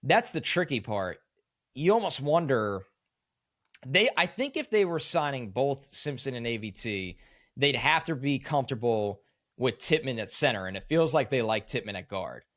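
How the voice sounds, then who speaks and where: A man's voice: mid-range voice, animated, moderate pace, fairly bright tone, no echo. Analytical man, dry close sound. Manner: analytical, talks in long run-on explanations. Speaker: podcast co-host. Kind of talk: casual sports analysis chat.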